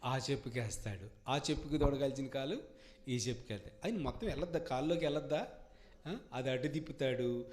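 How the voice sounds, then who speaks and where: A man's voice: medium pitch, fast talker. Man, pastor, Andhra Telugu accent, emphatic sermon, call-and-response, repeated phrases. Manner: emphatic preaching, swings from soft to loud. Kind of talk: sermon at an all-night prayer meeting.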